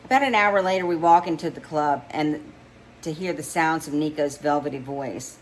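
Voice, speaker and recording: A woman with a low voice reads romance fiction aloud at a normal speed, narrating in the first person. It's an amateur read-along, and she stumbles over words now and then and goes back to re-read phrases. The recording is low quality, with a little hiss or hum.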